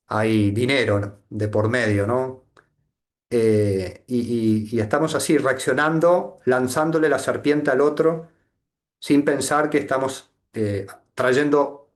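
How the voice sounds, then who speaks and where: This spiritual teacher from Argentina speaks in a mid-range voice with an Argentine Spanish accent. His satsang talk is reflective and includes a reading, and he pauses often and tacks on tag questions.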